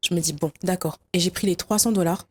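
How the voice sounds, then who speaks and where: Lively storyteller. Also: female voice, fairly low pitch, quick pace, breathy edge. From Réunion. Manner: lively storyteller acting out dialogue. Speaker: guest. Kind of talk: storytelling in a talk-show interview.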